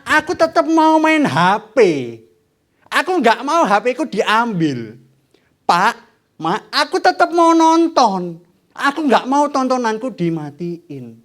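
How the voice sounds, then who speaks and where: A man's voice: very high voice, very animated, takes it slowly, long pauses, fairly bright tone, pitched above the performer's own voice, full character voice. A man voicing a stubborn little child who whines and insists on getting their way. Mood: whining. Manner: whining, insistent. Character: whiny stubborn little child begging parents.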